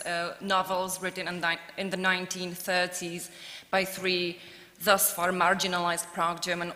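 A woman's voice: lowish voice, bright, forceful tone. A woman in her thirties giving a short academic award speech at a lectern, nervous and apologetic, often breaking into laughter. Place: large formal hall at a lectern. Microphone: lectern microphone. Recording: long hall reverb.

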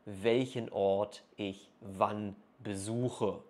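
A man in his thirties speaking slowly and clearly for language learners, with carefully articulated phrases and pauses, recorded on a lapel mic in a small room. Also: on the low side, fairly even intonation, a little mellow. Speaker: German teacher vlogger. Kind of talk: slow, clear speech for learners. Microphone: clip-on lapel mic.

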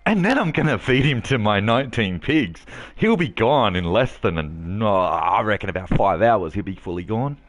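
A man's voice: fairly low pitch, very animated, normal speed. A man live-streaming a game, brash and trash-talking, swearing and mocking a heckler.

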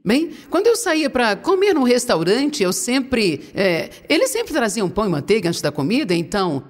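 Brazilian woman preacher, high lively voice, husky, long hall reverb, playful sermon. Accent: Brazilian Portuguese. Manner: animated, playful, addresses the audience. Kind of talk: sermon, humorous storytelling.

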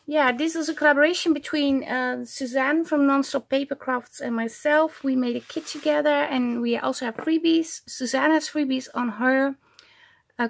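A woman's voice: a little high, gravelly. A woman hosting a casual crafting vlog, chatting at her desk and often stopping with ums as she searches for words. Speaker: junk journal crafter and channel host.

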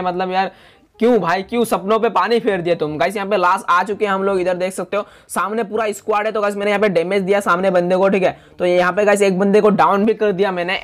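A young man giving chatty, excitable voice-over commentary on his own gameplay, complaining with dramatic flair. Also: sits high. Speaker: gaming YouTuber.

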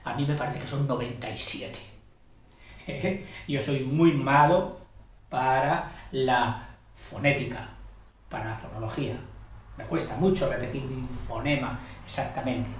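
Slow, echoey man teaching English. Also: mid-range voice, fairly even intonation, far from the mic, slight background noise. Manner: explanatory, self-deprecating, frequent "¿eh?" checks. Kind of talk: spoken grammar lesson. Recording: very echoey room, voice from off-mic.

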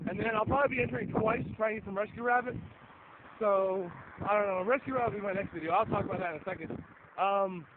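A tired young adult with a high voice vlogs casually as he loses his voice, rambling with lots of fillers and casual swearing. He's walking outdoors along a windy suburban road, his phone at arm's length and an earphone mic picking up his speech. The recording is tinny and phone-like, with wind noise.

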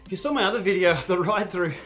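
An Australian man streams his indoor ride live, out of breath and talking in short, puffed phrases. He breaks into excited whoops now and then. Faint music plays in the background. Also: high voice, racing. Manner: breathless, excitable bursts and shouts of encouragement. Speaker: cycling channel host.

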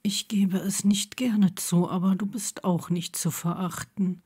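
A woman's voice: mid-range voice, takes it slowly. Neville, a woman voicing a murmuring young man. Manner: soft, murmured, partly whispered lines. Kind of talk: audiobook character voicing.

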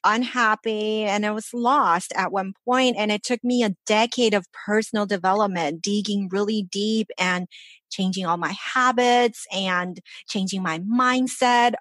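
Born in China and raised in Los Angeles, a woman life coach appears as a podcast guest in a casual interview, offering upbeat, earnest motivation. Her mid-range voice is fairly bright with fairly even intonation and a slightly slow pace, recorded with no echo.

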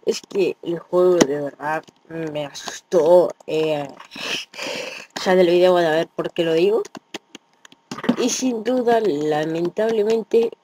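A man's voice: sits high, background noise. A man with an Argentine accent doing jittery horror game commentary, swearing a lot. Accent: Argentine Spanish. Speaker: gaming YouTuber.

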